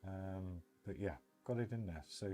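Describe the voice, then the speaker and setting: Over soft background music, a British livestream host with a deep, dark voice chats at a moderate pace. He gives casual game commentary, talking informally and meandering as he thinks out loud.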